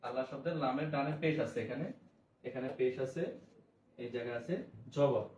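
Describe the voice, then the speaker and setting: A man teaching an online Quran lesson, explaining patiently and chanting words slowly. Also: mid-range voice, darkish tone, a little hiss or hum. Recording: echoey room, voice from a distance.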